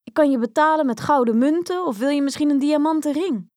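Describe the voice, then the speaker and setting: A woman voicing a spoiled, squeamish young princess who talks in a high, whiny way, in a storybook reading. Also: brisk, darkish tone, no echo, studio quality, close to an everyday voice. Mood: pleading.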